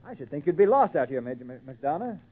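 A man's voice: a little high, very animated, fast. An actor playing an eager, polite sixteen-year-old village boy, earnest and respectful, in an old-time radio drama. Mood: curious, eager. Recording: tinny, narrow-band old radio recording.

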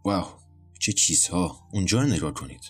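A man's voice: sits low, very animated, slightly rough, soft background music, full character voice. A man playing a wry old corporal. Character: older male veteran corporal, wry and teasing.

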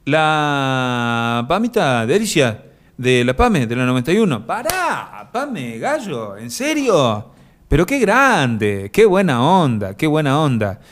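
A man's voice: mid-range voice, very animated, a little slow, fairly bright tone. A man with an Argentine accent hosting a live stream, reading viewer comments and rambling through mock-serious jokes with many fillers. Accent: Argentine Spanish. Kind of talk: joking casual chat.

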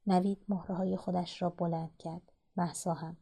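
Woman narrator for a story podcast, calm and even, dark mellow tone. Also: fairly low pitch, slightly rough.

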